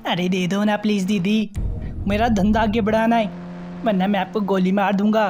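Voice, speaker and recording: A man voicing a small-time male gangster in a mobile game who begs and then threatens, with a slow, whiny delivery. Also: high voice, flat delivery, music in the background, lightly acted. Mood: pleading.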